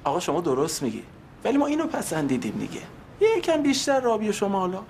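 An actor playing a pushy, haggling male customer in a screen drama, insistent, colloquial and quick to take offence. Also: high-pitched, huge pitch swings, a little mellow, a little hiss or hum, exaggerated voice. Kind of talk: naturalistic screen drama acting.

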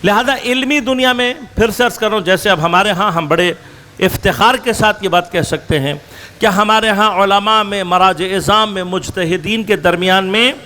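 High-voiced man giving a religious lecture. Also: bright, forceful tone, slight background noise. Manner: poses rhetorical questions and answers them himself; explains with worked examples, shifting between slow stresses and quick runs. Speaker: religious scholar.

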